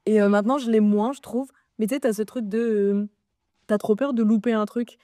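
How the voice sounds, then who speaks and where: Mellow young woman, close dry sound. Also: mid-range voice, fairly even intonation, a little fast, no room sound. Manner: informal, conversational. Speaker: podcast co-host. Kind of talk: casual chat.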